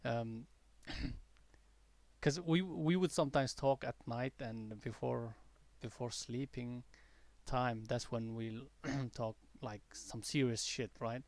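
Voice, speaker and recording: Stream host, male, mixed American and British accent, gravelly voice, dry close sound, rambling and chatty. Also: medium pitch, slow, darkish tone, no echo. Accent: mixed accent, partly American-tinged English learned abroad, softened by years in the UK. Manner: chatty and rambling, with many fillers and restarts. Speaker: day-trading livestream host. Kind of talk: casual live trading commentary.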